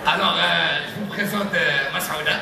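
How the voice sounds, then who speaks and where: A young man from Tunisia doing stand-up comedy on a theater stage and acting out characters with sudden pitch jumps. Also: moderate pace, creaky. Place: large theater stage with live audience. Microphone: handheld mic, filmed from the audience. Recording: echoey hall from far off, crowd noise.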